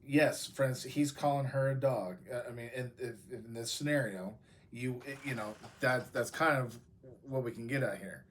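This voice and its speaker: A man's voice: mid-range voice, moderate pace, fairly bright tone, a little hiss or hum. A man with an American accent, a pastor giving a casual devotional talk, talking loosely with many fillers and restarts.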